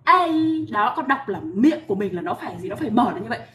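A woman's voice: mid-range voice, lively intonation, very fast, far from the mic. A woman teaching English pronunciation to children, encouraging and repeating sounds for them to copy. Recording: echoey room with faint noise.

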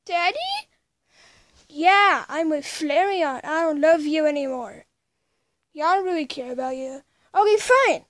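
A woman performing an improvised toy skit, voicing every part herself and switching quickly between characters with playful exclamations. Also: high voice, fairly bright tone.

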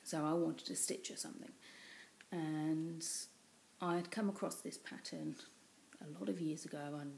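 An English woman in her thirties chats on her home cross-stitch vlog, rambling with lots of ums from a small room. Her deep, darkish voice has vocal fry and fairly even intonation at a normal speed. The close built-in webcam mic gives poor audio with a little hiss or hum.

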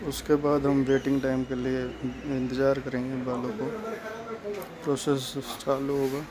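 A man's voice: medium pitch, monotone, normal speed, noisy background. A man talking through a hair coloring job step by step in a plain, explanatory way. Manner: plain, explanatory, repeats steps. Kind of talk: step-by-step salon tutorial narration.

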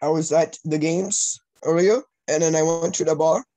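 A teenage boy making prank calls from a small room at home banters casually, crude and foul-mouthed throughout. His voice is on the high side and mellow, with fairly even intonation and a moderate pace.

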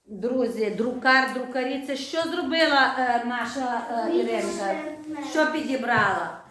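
A woman teaching a primary school class, patient and instructive, reading text slowly for the children to follow. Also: on the high side, crowd noise. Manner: instructive, patient, drawn-out dictation. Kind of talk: online class lesson. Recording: echoey room, faint noise.

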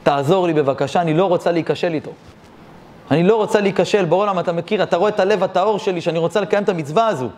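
A man voicing a young pious woman who is tearful and grateful, talking in a high, excited, pleading way. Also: natural voice.

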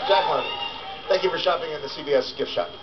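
A man's voice: on the high side, quick pace. A man hosting a television game show in a studio, joking with contestants and explaining the rules step by step. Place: television studio with live audience. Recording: muffled TV broadcast with music and crowd. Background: studio audience and show music.

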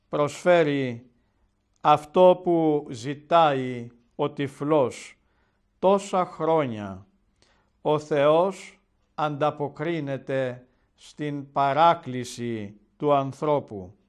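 This televised Gospel sermon comes from an Orthodox bishop whose voice is smooth and fairly high. He narrates in a solemn, measured storytelling manner.

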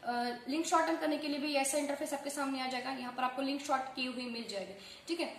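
A woman with a high, slightly bright voice hosts a tutorial on earning money online, talking fast and dropping English phrases into her speech. She chats casually to viewers in an echoey room with faint background noise.

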